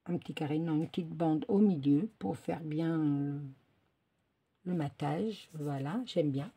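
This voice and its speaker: A woman's voice: low-pitched, unhurried, warm tone, slightly rough. A woman from France hosting a casual card-making tutorial at home, rambling with many fillers and restarts as she talks to herself while she works. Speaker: crafting video host. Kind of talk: casual crafting tutorial chat. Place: home, indoors. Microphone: phone or camera filming her work table.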